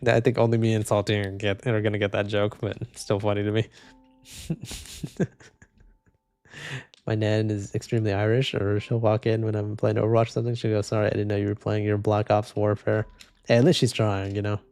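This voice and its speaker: A young man keeps a brisk pace while casually reading chat on his gaming livestream. The recording is dry; his slightly congested voice stays flat and low-energy, and he describes it as boring. Game music and keyboard clicks play softly underneath.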